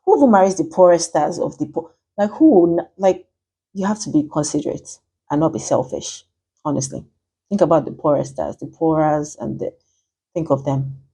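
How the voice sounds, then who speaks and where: A woman's voice: low voice, normal speed, mellow, breathy edge. A woman, a matchmaker ranting chattily and with exasperation in a vlog.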